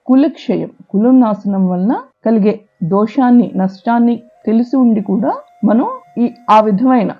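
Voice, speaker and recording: A woman teaching scripture recitation, chanting each verse slowly and then explaining how to pronounce it. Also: medium pitch, slightly rough. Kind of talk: slow chanting lesson with explanations. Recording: tinny lo-fi recording with faint music.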